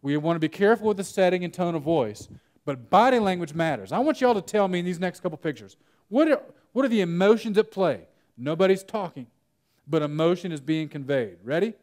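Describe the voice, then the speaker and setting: A young man leads a conference breakout session in a fairly high voice. He tells stories with plenty of jokes and talks straight to the audience. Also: brisk. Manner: animated storytelling, jokes with the audience. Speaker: workshop speaker. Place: conference room.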